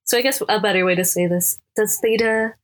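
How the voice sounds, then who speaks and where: A woman's voice: medium pitch, a little fast. A young woman in her twenties interviewing a student, nervous and giggly, with a slight lisp.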